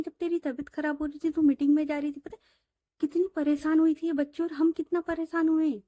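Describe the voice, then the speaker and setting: A woman's voice: high-pitched, dark tone, no echo, clean studio sound, natural voice. A woman voicing a middle-aged father who scolds his daughter out of love and worry. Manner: scolding tenderly. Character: caring middle-aged father, stern but loving.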